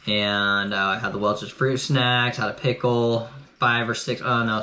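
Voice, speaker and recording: Male vlogger, mid pitch, relaxed chatty delivery, roomy home sound with faint background hum. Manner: chatty, easygoing, talks while eating. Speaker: cycling vlogger. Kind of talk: casual vlog to camera. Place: home, kitchen and couch.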